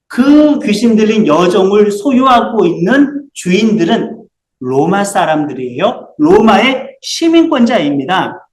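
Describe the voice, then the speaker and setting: Male pastor, sermon, high voice, rhetorical questions, roomy church echo. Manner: explains with rhetorical questions to the congregation. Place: church sanctuary.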